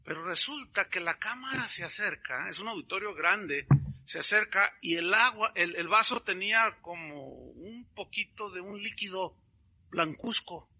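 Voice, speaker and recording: A man preaching a sermon as a pastor, telling stories in an animated way and calling his listeners brothers. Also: high-pitched, unhurried, vocal fry, breathy edge, dull audio.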